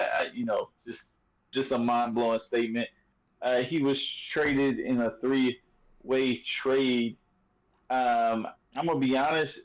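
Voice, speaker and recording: A man's voice: mid-range voice, low-quality recording. A man hosting a sports podcast in loose, joking casual chat, full of fillers and restarts. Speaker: podcast host.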